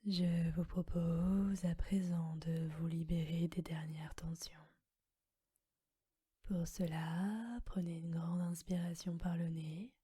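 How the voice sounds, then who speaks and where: A woman guides a relaxation meditation entirely in an unvoiced whisper. Her delivery is very slow and flat, with a breathy, mellow tone. The sound is close and dry. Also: on the low side, no echo.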